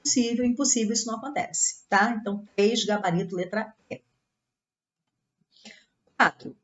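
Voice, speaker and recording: A woman's voice: a little high, normal speed, muffled recording. A Brazilian woman teaching Portuguese grammar in an exam-prep lesson, explaining each step and checking in with her students as she goes.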